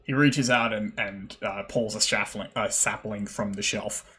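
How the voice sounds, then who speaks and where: A man running a tabletop game as game master, narrating with a relaxed, halting delivery. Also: fairly low pitch. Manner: relaxed, hesitant with fillers and restarts.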